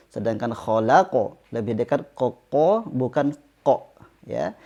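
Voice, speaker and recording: Slow, careful man teaching Quran recitation. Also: medium pitch, darkish tone. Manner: slow, careful explanation with drawn-out recited example words; frequent fillers "nah" and "ya". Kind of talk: tajweed lesson.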